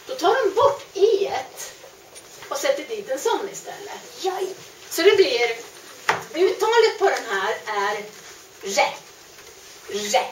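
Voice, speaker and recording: A woman teaching French grammar, explaining patiently and repeating each word slowly. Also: sits high, very animated, a little hiss or hum. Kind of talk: grammar lesson. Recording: echoey room, mic at a distance.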